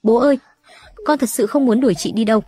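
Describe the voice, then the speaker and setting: A woman's voice: a little high, fast talker, close to an everyday voice. A woman voicing a scheming, two-faced younger sister who talks sharply and accusingly. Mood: pleading. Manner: sharp, accusing, then sugary.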